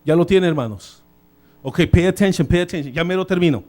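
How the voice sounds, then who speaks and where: Male pastor, church sermon, animated delivery, loud peaks and soft asides, fairly high voice. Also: fairly quick. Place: church sanctuary.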